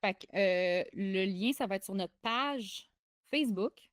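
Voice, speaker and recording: Young Québécois woman co-host, excitable and chatty, dry booth sound. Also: mid-range voice, unhurried, no echo. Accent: Québécois French. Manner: excitable, chatty, frequent fillers and restarts. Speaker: podcast co-host. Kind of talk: casual podcast chat.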